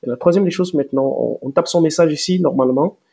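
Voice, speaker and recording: A man walking viewers through software step by step in a screen-recorded tutorial, hesitant with many fillers and restarts. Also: on the high side, fast, gravelly, breathy edge. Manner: explains step by step, addressing viewers directly. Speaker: tutorial presenter.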